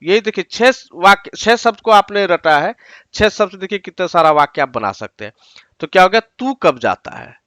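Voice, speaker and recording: Male teacher, higher pitch, dry close sound; slows down for each example sentence, explains word by word. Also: animated, bright, forceful tone, no echo. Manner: explains word by word, repeats often. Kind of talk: online exam-prep lesson.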